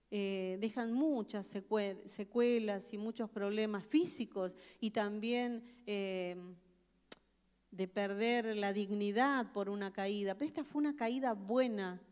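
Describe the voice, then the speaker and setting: A woman's voice: a little high, darkish tone, smooth. Earnest woman preaching in a hall. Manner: earnest, emphatic, rhetorical questions. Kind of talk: sermon. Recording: long reverb of a large hall.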